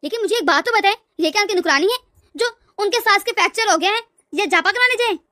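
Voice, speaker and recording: Scornful cartoon mother-in-law, woman voicing, shrill high voice, dry. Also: fast, bright, forceful tone, dry recording. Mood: nagging. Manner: nagging, haughty. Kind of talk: cartoon voice acting.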